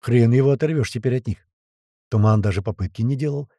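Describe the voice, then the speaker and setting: Man reading a tense audiobook story, mellow husky voice, dry sound. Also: medium pitch, fast, no echo. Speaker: audiobook narrator. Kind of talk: first-person audiobook reading.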